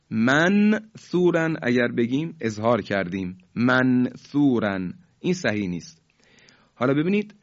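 A man teaching Quran recitation in a formal, polite manner, slowly stretching out each recited example for students to repeat. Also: medium pitch, dull audio. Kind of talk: recorded tajweed lesson.

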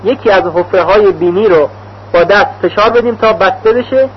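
A high-pitched man teaches the rules of Quran recitation, explaining slowly and carefully as he sounds out example syllables in a deliberate, drawn-out way. The recording is dull and lo-fi, with a faint hum.

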